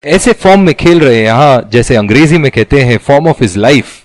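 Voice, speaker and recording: A man giving excited cricket commentary as a commentator, exclamatory and full of admiration. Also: medium pitch, normal speed, no room sound, close to an everyday voice.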